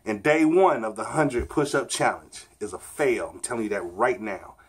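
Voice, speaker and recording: A man in his thirties, a vlogger and father, talks casually to the camera for a fitness challenge vlog in a small bedroom at home. The camera sits on the floor a short distance away, and the recording of his lowish, moderately paced voice is rough.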